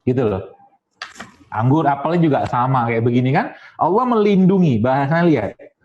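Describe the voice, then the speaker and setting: A man's voice: medium pitch, lively intonation, brisk, slight background noise. A man giving a casual, jokey health talk to an audience, with sound effects and quoted voices. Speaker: Islamic health speaker. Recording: dull lo-fi sound.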